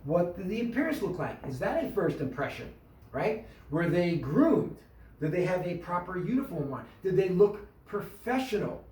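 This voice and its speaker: A man giving an instructional talk to a small business group, animated and full of questions, acting out tones of voice. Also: high voice, normal speed, recorded from a distance. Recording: echoey room, voice from off the mic.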